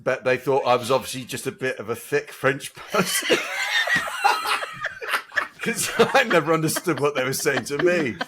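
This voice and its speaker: A man's voice: mid-range voice, animated, brisk, few pauses, heavy background noise. A man co-hosting a podcast in casual chat, rambling and self-mocking, with lots of restarts. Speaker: podcast co-host.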